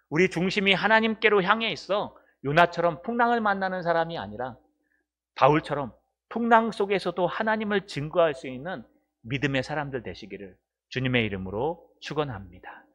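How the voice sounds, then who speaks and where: Brief: male pastor, sermon delivery, animated, slightly high voice. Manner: animated, acts out quoted voices, direct address to the congregation.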